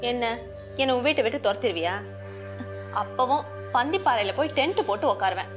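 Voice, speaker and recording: A woman's voice: a little high, animated, fairly quick, close to an everyday voice. A woman playing a bold, defiant young writer. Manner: confident, teasing. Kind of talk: 1990s television serial acting. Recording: music underneath.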